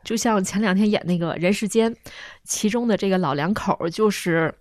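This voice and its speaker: A woman's voice: mid-range voice, brisk, darkish tone, no echo, studio quality. A woman co-hosting a talk show, making sympathetic, reflective remarks. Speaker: host. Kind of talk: casual chat.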